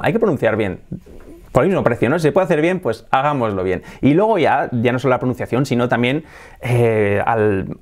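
A man from Spain with a Spanish accent, teaching English in a video lesson to camera, jokey and animated, imitating good and bad English pronunciation. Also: mid-range voice. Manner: animated, jokey, often laughs at own examples; imitates mispronounced and native English for contrast.

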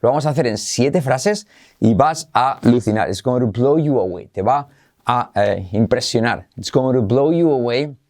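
Energetic man teaching English. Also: mid-range voice. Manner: energetic, repeats phrases slowly for learners to copy. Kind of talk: online English pronunciation lesson.

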